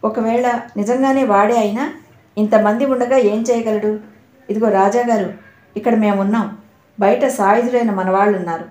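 A woman voicing a steady man who reassures the family, in a roomy echo. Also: mid-range voice, moderate pace, natural voice. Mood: reassuring. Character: steady, reassuring male protector.

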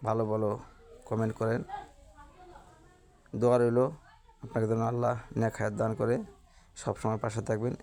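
A lifestyle vlogger with a Bangladeshi Bengali accent goes through viewer comments, thanking each person by name in a slow, earnest way. Her extremely low voice is gravelly and creaky, holding a fairly flat, even line.

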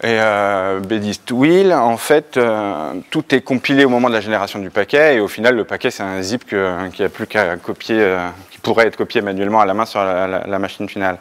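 A man's voice: lowish voice, brisk, hardly any pauses, clear, resonant tone. A man from France giving a technical conference talk, with frequent fillers and restarts. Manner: hesitant, many fillers and restarts. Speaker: conference speaker.

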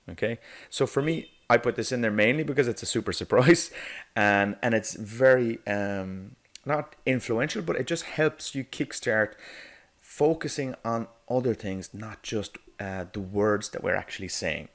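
For an animated whiteboard video, a man from Ireland voices a negotiation course in a relaxed, conversational style. His voice sits at medium pitch with a creaky quality, and he often says "okay?" and "um" while laughing lightly in the middle of sentences.

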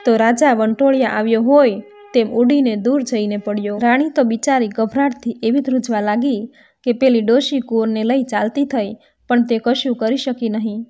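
A woman narrating a folk tale in a steady, read-aloud storytelling manner. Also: on the high side, moderate pace.

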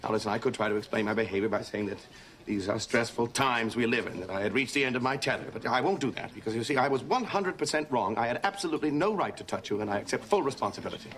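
A man's voice: medium pitch, quick pace, fairly bright tone, close to an everyday voice. An actor playing a pompous, eloquent American man in his forties in a sitcom, speaking formally and theatrically. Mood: conciliatory, polished. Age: 40s. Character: pompous, righteous, theatrical older brother. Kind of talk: sitcom acting before a live audience. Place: busy cafe set. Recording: noisy sitcom soundtrack with audience.

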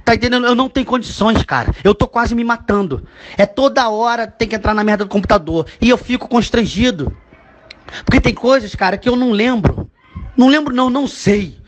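A man's voice: extremely high pitch, lively intonation, a little fast. A man dubbing a fed-up ranting dad. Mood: exasperated rant. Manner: ranting, crude, keeps asking "you understand?". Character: fed-up middle-aged father ranting, crude, exasperated. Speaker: comedy voice dubber. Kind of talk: comedic dub of a voice message.

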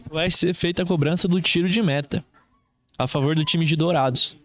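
A man's voice: fairly high pitch, normal speed, no echo. A man with a Brazilian accent doing live football play-by-play as a commentator, in short clipped running phrases.

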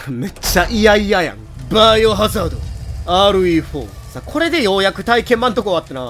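A young man with a Kansai accent giving excitable, joking commentary on a game he is playing, with loud outbursts. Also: sits high, fast, faint music behind. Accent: Kansai Japanese. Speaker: gameplay commentator.

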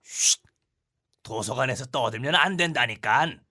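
Stern, bright-toned cartoon librarian. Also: male voice, mid-range voice, expressive, normal speed. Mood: scolding. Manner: admonishing, authoritative. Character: stern male adult librarian scolding children. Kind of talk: animated cartoon acting.

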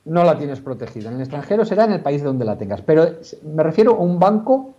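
A lawyer in his office patiently walks through a legal question, frequently restarting and leaning on fillers. Though his tone is mellow and dark, his pitch runs a little high with big swings, and he speaks fast. The sound is dull and lo-fi, as from a video call.

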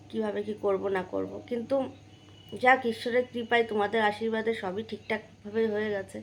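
A woman's voice: on the high side, a little hiss or hum, rough recording. A young woman from West Bengal, chatting casually to her viewers in a vlog, with many fillers and restarts. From West Bengal, India. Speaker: vlogger.

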